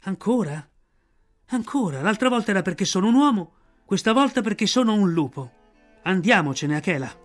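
A man's voice: high voice, lively intonation, brisk, soft background music, voice pushed up. A man voicing a proud, defiant young man raised among wolves, in an audiobook.

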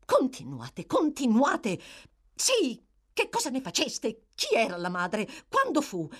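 A woman voicing an impatient, greedy older workhouse matron who talks in sharp, pressing demands. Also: on the high side, wildly swooping pitch, unhurried, pitched above the performer's own voice, full character voice.

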